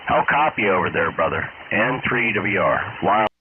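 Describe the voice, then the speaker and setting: A man's voice: deep voice, expressive, normal speed. A man in his fifties chatting casually over crackly military-style ham radio in a rambling, folksy way. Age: 50s. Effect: crackly military-style radio transmission. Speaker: amateur radio operator. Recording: crackly, very noisy narrowband radio signal.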